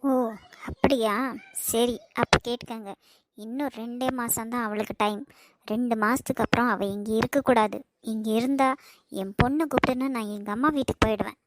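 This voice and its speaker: A woman's voice: fairly high pitch, steady tone, brisk, voice pushed down, lightly acted. A woman voicing a bossy, scheming young wife in a cartoon, speaking Kanyakumari Tamil in a cold, threatening way. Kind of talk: cartoon voice acting.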